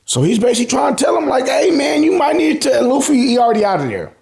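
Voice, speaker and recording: With a very high, creaky voice and a fast delivery, an American man recaps as the host of an anime and manga review channel. He jokes around casually, swears and uses slang freely, and acts out dialogue with lots of animation.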